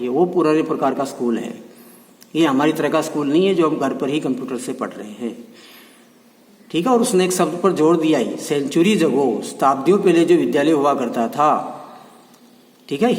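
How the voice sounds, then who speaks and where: A male teacher gives a textbook lesson, his voice set a little higher than most men's. He reads each English line slowly before explaining it in Hindi and keeps checking in with the class. He sounds far from the mic in a room with a long, echoey reverb. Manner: repeats meanings with frequent check-ins.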